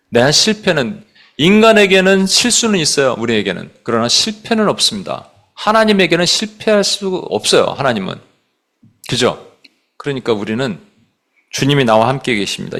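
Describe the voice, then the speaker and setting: A man preaching a sermon as pastor, asking the congregation questions, mixing in English phrases and acting out biblical dialogue. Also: a little high. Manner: animated preaching with rhetorical questions; acts out biblical dialogue in quoted voices.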